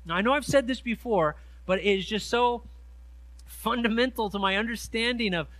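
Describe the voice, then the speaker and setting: A middle-aged man preaching a sermon in a church, reading scripture slowly and stressing key words with earnest emphasis. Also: high-pitched, fairly bright tone, no echo. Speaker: pastor. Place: church sanctuary. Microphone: handheld mic.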